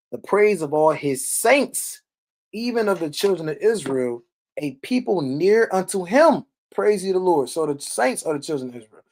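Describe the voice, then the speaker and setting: A man with a slightly high, somewhat mellow voice leads an informal Bible teaching on a live stream, going verse by verse. He's emphatic and blunt, uses salty language, and keeps checking in with listeners through short questions and tags.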